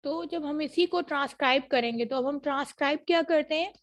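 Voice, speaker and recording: A woman teaches a phonetics class online, speaking through a computer mic on a video call. Her voice sits a little high, and she has a throat infection. She stretches out sample words and checks in with her students after nearly every point. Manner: checks in often with 'theek hai?', models words slowly.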